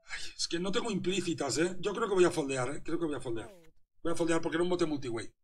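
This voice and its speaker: A man's voice: a little high, fast. A young man, a poker coach commentating his hands live and teasing a viewer in chat.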